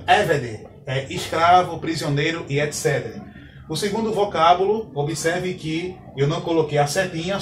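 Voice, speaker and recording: A man's voice: on the high side, a little hiss or hum. A man teaching a Hebrew lesson at a whiteboard, explaining patiently and checking in with his students often. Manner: patient, explanatory, frequent "tá ok, pessoal?". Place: classroom with a whiteboard. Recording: echoey room, mic at a distance, faint ambience.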